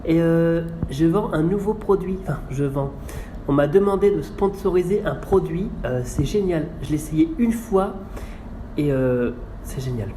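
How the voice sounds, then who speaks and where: A man's voice: fairly high pitch, warm tone, a little hiss or hum, natural voice. A man playing a scatterbrained influencer who pushes a slimming product in a rambling, muddled way, keeps correcting himself and slips up in a comedy sketch.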